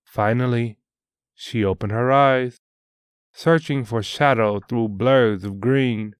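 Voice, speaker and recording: A man hosting and narrating a scripted adventure story in a measured, deliberate reading. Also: medium pitch, clean tone, no room sound, studio quality. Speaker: host and storyteller.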